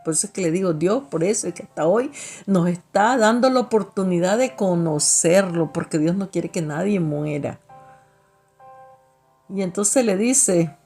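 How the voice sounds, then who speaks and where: A woman reading a Bible passage aloud and reflecting on it, slowly and emphatically, with frequent restarts and rhetorical questions. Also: on the low side, lively intonation, warm tone, soft background music. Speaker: lay preacher.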